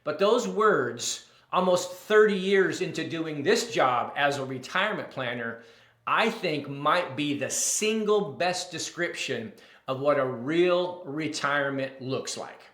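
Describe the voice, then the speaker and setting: Middle-aged guy, financial advisor telling a story, slow and kinda high voice, echoey room. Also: expressive, a bit bright. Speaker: financial advisor, firm founder. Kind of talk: storytelling talk to camera. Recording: roomy echo.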